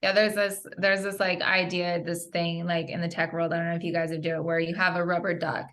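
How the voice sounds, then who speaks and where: Chatty upbeat woman engineer, bright clear voice, lots of likes. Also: fairly low pitch, flat delivery, fairly quick. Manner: upbeat, chatty, many "like" and "you know" fillers. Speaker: software engineer on a panel. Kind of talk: casual panel talk with students.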